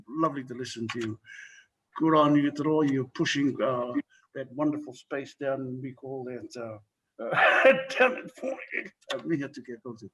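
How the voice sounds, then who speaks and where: A man giving warm, encouraging remarks to a panel over a video call. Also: mid-range voice, husky, lo-fi sound. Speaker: elder guest. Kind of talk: casual remarks.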